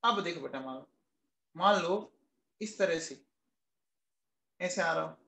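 A man's voice: fairly high pitch, takes it slowly, gravelly, pushed and bright, echoey room, rough recording. A man teaching a chemistry class who coaxes his students with questions and then answers them himself, affectionately calling them kids. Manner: calls students "beta" and "bachche" affectionately. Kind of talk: classroom lecture.

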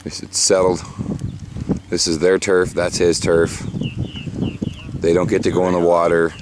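A lower-voiced man jokes and swears freely while narrating his fishing trip to a camera mic. He talks from a small boat out on a marshy bay. Faint outdoor sound sits behind him. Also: little pitch movement, measured pace, noisy background. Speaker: fishing vlogger. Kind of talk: casual outdoor chat with jokey commentary.

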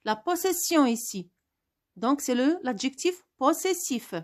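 Slow, high-voiced woman teaching spelling. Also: animated. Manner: slow and deliberate, spelling words out letter by letter; asks questions and answers them herself. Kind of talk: spelling lesson.

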